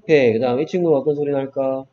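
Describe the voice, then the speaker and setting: A man's voice: medium pitch, steady tone, racing. A man teaching English phonics one-on-one, patiently modeling each sound and encouraging his student. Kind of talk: one-on-one online phonics lesson. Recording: dull lo-fi recording with faint background noise.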